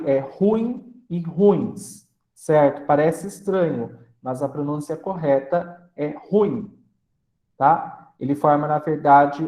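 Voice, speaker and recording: A man teaching a grammar lesson, explaining slowly and splitting words into syllables, often checking in with the class. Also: on the high side, darkish tone, echoey room. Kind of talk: grammar lecture.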